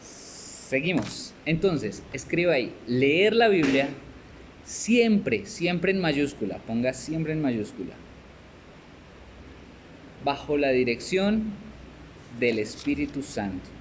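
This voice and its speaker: Colombian man, young adult, conversational discipleship teacher, somewhat high-pitched, faint background noise. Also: big pitch swings, slow. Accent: Colombian Spanish. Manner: conversational, asks "¿cierto?" and "¿sí?" often, laughs, acts out little scenes. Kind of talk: teaching a Bible class.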